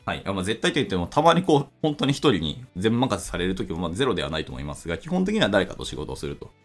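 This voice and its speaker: Male solo podcast host, 30s, rapid, animated delivery full of fillers; faint music bed. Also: low voice. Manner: rambling, thinking aloud with many fillers. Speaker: podcast host, programming instructor. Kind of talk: casual solo podcast talk.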